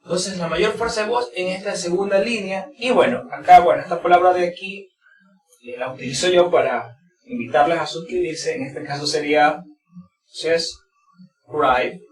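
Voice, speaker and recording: A man explaining English word stress in Spanish, slow and repetitive with many fillers, pausing to model each word. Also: high voice. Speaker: English pronunciation teacher. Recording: echoey room, distant mic, crowd noise.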